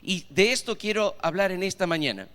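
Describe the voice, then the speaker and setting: A man with an Argentine Spanish accent preaches a sermon as pastor, frequently putting rhetorical questions to the congregation. His high voice is lively, a little fast, and fairly bright, echoing in a reverberant church hall.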